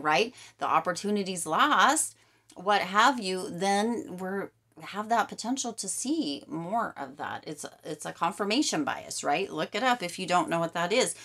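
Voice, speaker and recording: A woman's voice: fairly low pitch, pushed and bright. A woman giving a casual tarot reading straight to the viewer, upbeat and emphatic, often repeating her catchphrases. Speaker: tarot card reader.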